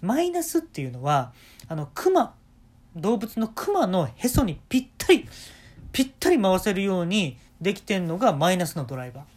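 A man's voice: high voice, sing-song, normal speed, a little mellow, pitched above the performer's own voice. A man voicing a chatty, know-it-all female mole mother with a Kansai accent, who lectures and teases. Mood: lecturing. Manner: confident, lecturing, teasing.

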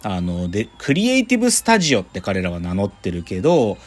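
A man's voice: fairly low pitch, huge pitch swings, a little fast. A man hosting a radio show in casual chat, rambling and colloquial with plenty of fillers. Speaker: radio host.

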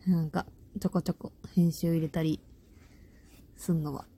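Gravelly loud-voiced Kansai woman. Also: low voice, level tone, moderate pace. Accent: Kansai Japanese. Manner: loud voice, by her own account; rambling, laughs often, slangy. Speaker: podcast host. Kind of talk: casual solo chat.

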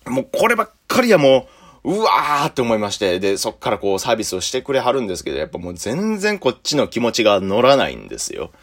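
Animated Kansai comic storyteller man. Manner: animated, jumps high for emphasis and drops low for asides. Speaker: stand-up comedian.

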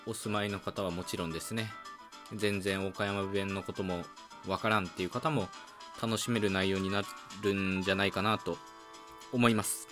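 落ち着いた低めの声の男性ポッドキャスター. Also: male voice, low-pitched, moderate pace, over music. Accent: Okayama dialect. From Okayama, Japan. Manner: calm, explanatory, chatty with fillers. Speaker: podcast host. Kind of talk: solo talk show about dialects.

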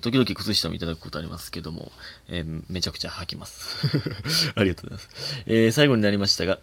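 A man with a Kansai accent and a fairly low voice hosts a casual solo comedy podcast, reading listener mail. He chuckles often and gets animated when he goes off on a rant.

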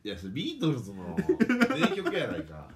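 A man with a Kansai accent trading quick, teasing banter on a comedy duo talk show. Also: fairly low pitch, wildly swooping pitch, a crowd in the background. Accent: Kansai Japanese. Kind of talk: casual comedic chat.

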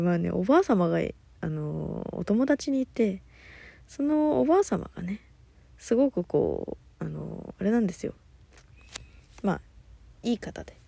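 A high-energy woman hosts a solo talk radio segment in a casual, rambling way and keeps losing track of what she meant to say. Her voice is breathy and slightly husky, and it sits close to a dry, dead microphone. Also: no room sound. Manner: rambling, loses her thread, laughs often; high-energy, lively talker.

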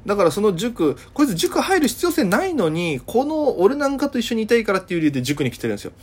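A man's voice: sits high, sing-song, quick pace, slightly rough. A man from Okinawa hosting a solo talk show, telling a casual story in a rambling way, full of fillers and self-corrections. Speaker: podcast host.

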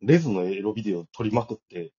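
Raspy Kansai man cracking absurd jokes. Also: on the low side, animated, dark tone, lo-fi sound. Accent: Kansai Japanese. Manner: absurd jokes, quick comebacks. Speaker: podcast co-host. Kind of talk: casual comedy radio chat.

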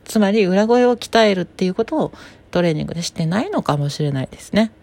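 A woman hosting her own podcast as a voice trainer, giving advice in a calm, explanatory, conversational way. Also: medium pitch, fast talker, creaky. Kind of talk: casual solo podcast talk.

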